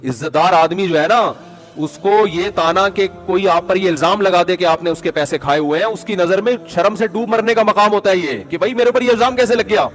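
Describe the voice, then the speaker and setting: A man's voice: high voice, soft background music. A man giving moral advice through stories, in a conversational way, often calling his listeners brother. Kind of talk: storytelling advice talk.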